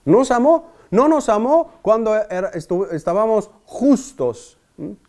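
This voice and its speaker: A man's voice: high voice, big pitch swings, measured pace, darkish tone. A man preaching a meditation talk, asking his audience questions and speaking emphatically.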